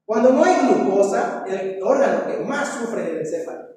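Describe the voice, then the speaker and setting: Heard from far off in an echoey hall with faint noise, a male teacher with a high, expressive, dark-toned voice reviews material at a normal speed. He quizzes his students and tags lines with a questioning "¿no?".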